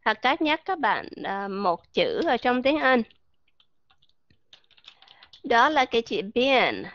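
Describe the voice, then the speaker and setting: A woman teaching English pronunciation in a live online class, encouraging and slowly repeating words as drills. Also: a little high, very animated, fairly bright tone, highs cut off. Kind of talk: live online voice-chat lesson.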